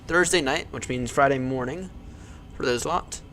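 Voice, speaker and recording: A man's voice: mid-range voice, normal speed, fairly bright tone, a little hiss or hum. Man on a pilot's headset mic. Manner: clipped, procedural cockpit callouts. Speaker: flight simulator streamer playing airline pilot. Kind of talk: live gameplay with pilot radio calls and callouts.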